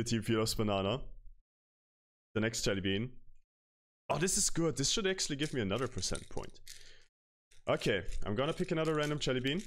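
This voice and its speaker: A young man from Austria chatting casually with his stream chat while playing, laughing often and answering questions. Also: mid-range voice. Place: small room at home, indoors. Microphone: headset microphone.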